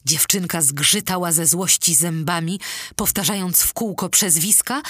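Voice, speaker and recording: A woman narrates a story with slow, unhurried pacing and a husky, breathy voice. She sits low in her range, measured and expressive. The recording is close and dry, with no room around it. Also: no room sound. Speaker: audiobook narrator. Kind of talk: scripted narration.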